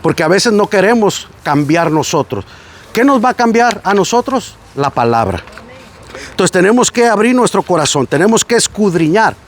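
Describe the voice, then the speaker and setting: A man's voice: high-pitched, moderate pace, a little hiss or hum. A man with a Mexican Spanish accent, preaching a sermon on a site visit and telling stories that act out the voices he quotes. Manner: animated storytelling, acting out quoted voices. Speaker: pastor.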